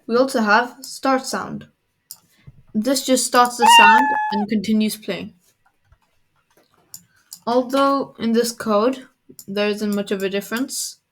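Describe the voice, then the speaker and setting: A woman's voice: a little high, big pitch swings, slow, long pauses, background noise. Woman explaining a coding tool. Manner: plain step-by-step explaining. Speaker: coding tutor. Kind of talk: screen-recorded software tutorial.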